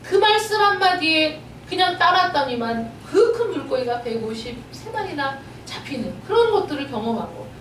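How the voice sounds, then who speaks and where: Very high-pitched woman preaching with feeling. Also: very animated, normal speed, hardly any pauses, fairly bright tone, slight background noise. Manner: emotional, emphatic preaching with many rhetorical questions. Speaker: pastor. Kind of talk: sermon. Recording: roomy echo, distant mic.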